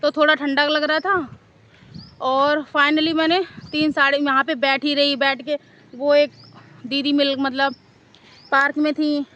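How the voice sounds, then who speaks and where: A woman's voice: high voice, little pitch movement, a little slow, bright, forceful tone, muffled recording, a little hiss or hum. A woman vlogger casually telling a story to camera outdoors in a park, chatty and rambling, often repeating herself.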